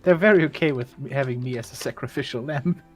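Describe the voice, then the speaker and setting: A man's voice: mid-range voice, fast, faint music behind. A man playing a tabletop role-playing game, chatting casually and playfully as he decides on his moves.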